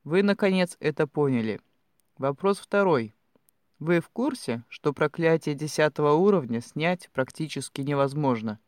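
A man's voice: a little high, normal speed, dry recording, lightly acted. Guy doing a furious magister voice, hisses every word, barely holding it in, dry recording. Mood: cold fury. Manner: clipped, hissing, barely restrained rage. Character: stern, furious male magister and academy director.

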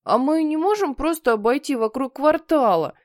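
A woman's voice: medium pitch, lively intonation, moderate pace, a little mellow, dry recording, clean studio sound, natural voice. A woman voicing a stubborn young boy who whines and protests. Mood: whiny. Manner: whining, defiant. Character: whiny stubborn boy who hates outdoors.

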